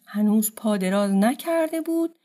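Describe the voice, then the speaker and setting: Mellow-voiced woman telling a folk tale. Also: medium pitch, animated. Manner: gentle, colloquial storytelling. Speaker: storyteller.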